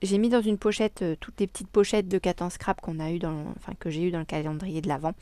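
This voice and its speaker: A woman's voice: fairly low pitch, fairly even intonation, quick pace, dark tone, no echo. A woman chatting casually in a crafting vlog at her home desk, cheerful and enthusiastic, with frequent hesitations and filler sounds. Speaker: crafting vlogger.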